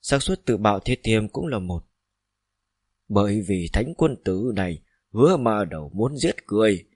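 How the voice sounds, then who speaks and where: A man narrating a fantasy novel as a steady, even audiobook reading. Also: lowish voice, moderate pace, slightly rough, no room sound.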